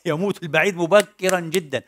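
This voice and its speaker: A man with a high-pitched voice preaches at a fairly quick clip, a faint hiss or hum underneath. Acting as preacher and lecturer in a lecture-style sermon, he blends formal and colloquial language and repeatedly poses rhetorical questions that he answers himself.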